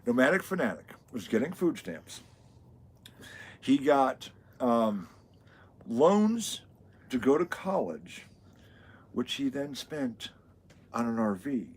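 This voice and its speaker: Man, husky voice, lively swooping pitch, blunt, casual vlog chat, swears freely. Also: slow, pauses often. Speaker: co-host of a travel vlog.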